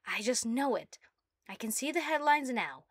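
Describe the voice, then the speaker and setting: A woman voicing a proud, giddy young mad scientist obsessed with her work, theatrical and self-satisfied, in a soft ASMR role-play. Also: on the high side, sing-song, normal speed, slightly rough, dry recording, studio quality, pitched above the performer's own voice, exaggerated voice. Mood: triumphant, proud.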